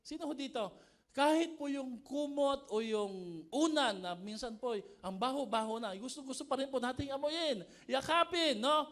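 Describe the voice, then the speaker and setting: A male pastor preaching a sermon to a live congregation, animated and jokey, often asking the people questions. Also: very high voice, moderate pace. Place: church service before a live congregation.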